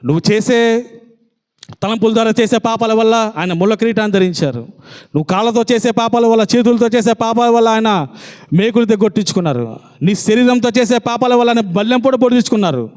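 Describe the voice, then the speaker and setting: Man, preacher, fervent sermon, high-pitched, rhetorical challenges to the congregation. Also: brisk, a little mellow.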